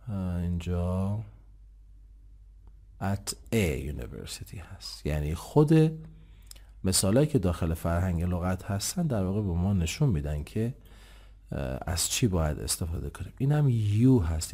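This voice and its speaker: Low-voiced male English teacher. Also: lively intonation, dark tone. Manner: explains patiently, asks himself questions and answers them; says English examples slowly and clearly. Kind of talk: online English lesson.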